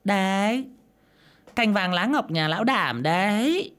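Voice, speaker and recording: A woman's voice: mid-range voice, lively intonation, slow, fairly bright tone. A woman voicing a spiteful, gossiping village woman in an audiobook. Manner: gossipy, mocking.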